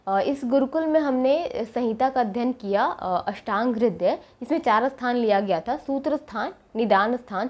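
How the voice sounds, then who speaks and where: In a steady vlog, a young medical student describes her daily routine, stopping frequently to gather her thoughts. Her pitch is a little high.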